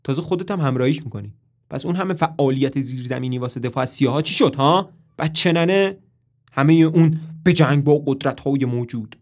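A man voicing a sharp-tongued young woman who mocks and bickers, often in a hissed whisper. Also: medium pitch, close to an everyday voice. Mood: scolding.

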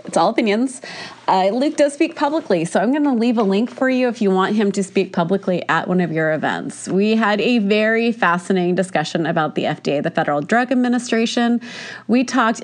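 A woman hosting a podcast, chatting casually through a cold, with a congested, stuffy nose and a tired sound. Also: mid-range voice. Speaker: podcast host. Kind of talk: casual podcast episode introduction.

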